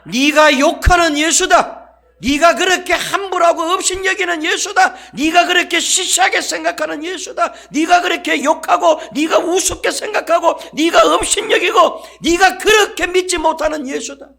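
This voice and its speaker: A male pastor voicing Jesus as a commanding divine man, shifting from proclaiming to solemn and hushed. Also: very high-pitched, normal speed, gravelly, voice pushed up, heavily acted. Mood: thundering.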